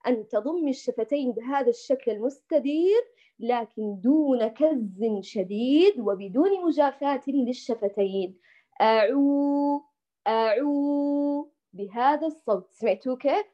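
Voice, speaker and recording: A woman teaching Quran recitation. She models each letter sound slowly and carefully and puts questions straight to her students. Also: a little high, expressive, muffled recording. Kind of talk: tajweed lesson, demonstrating sounds.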